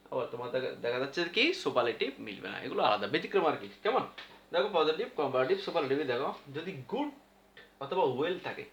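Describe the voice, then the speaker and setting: Bengali guy teaching english grammar, voice jumps up and down a lot, kinda muffled echoey recording. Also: fairly high pitch. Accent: Bangladeshi Bengali. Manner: repeats rules patiently, asks and answers his own questions. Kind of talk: classroom grammar lesson. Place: classroom with a board. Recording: echoey room, dull lo-fi sound.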